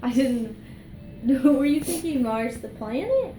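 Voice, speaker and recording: A woman's voice: high voice, animated, slow, dark tone. Echoey, distant nurse, reassuring woman. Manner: teasing, reassuring. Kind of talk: casual bedside chat. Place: hospital recovery room. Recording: echoey room, distant mic, background noise.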